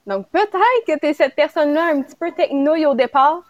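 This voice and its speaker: A woman's voice: sits high, expressive, brisk, no room sound. A woman hosting a casual talk show, chatting with small laughing asides. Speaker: host. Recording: dry, dull lo-fi audio.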